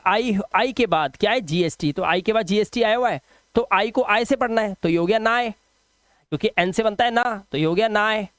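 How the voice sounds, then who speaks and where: In a video lesson, a man teaches English phonics rules, patiently repeating example words slowly and quizzing the viewer. His voice is high-pitched, a bit bright, clear and resonant, and the recording is dry.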